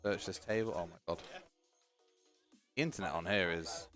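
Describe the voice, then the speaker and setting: A man's voice: sits low, moderate pace, fairly bright tone, faint music behind. A man giving casual live-stream commentary on a tabletop game, chatty and joking while he sorts out the stream.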